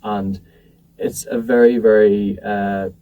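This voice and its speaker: A man who organized a tech event answers an interview about it casually and hesitantly, with lots of ums and restarts. His voice is on the low side, slow and flat, and he is not from New Zealand. The sound is phone quality, from a distant mic with faint noise.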